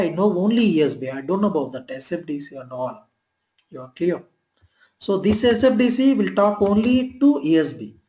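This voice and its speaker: A man, recorded off an online class through screen capture, his voice a touch higher than most men's. The sound is roomy and echoey, as a laptop call tends to be. He teaches in halting, repeated phrases and keeps checking that his listeners follow. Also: darkish tone. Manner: halting, repeats himself, often checks "you are clear?". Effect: heard through a screen recording of an online class session. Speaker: software trainer. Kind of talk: live online training lecture.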